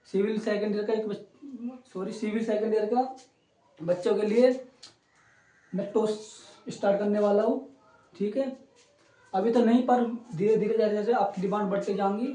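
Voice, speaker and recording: A man's voice: sits high, mellow, recorded from a distance. A young man teaching a polytechnic physics class in a chatty coaching style, often stopping to check in with his students. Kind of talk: online coaching lecture. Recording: roomy echo, voice away from the mic.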